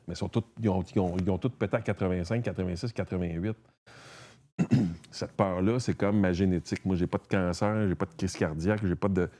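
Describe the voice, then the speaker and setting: A man's voice: deep voice, dark tone. A man from Quebec with a Québécois French accent, a guest chatting casually and rambling, with many restarts and a lot of "tu sais". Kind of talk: casual conversation.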